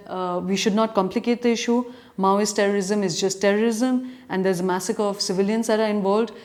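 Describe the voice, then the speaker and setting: A woman's voice: mid-range voice, a little mellow. A woman with an educated urban Indian accent, speaking as a journalist answering reader questions, earnest and argumentative in long, considered sentences. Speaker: journalist and editorial commentator. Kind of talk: answering reader questions in spoken editorial commentary.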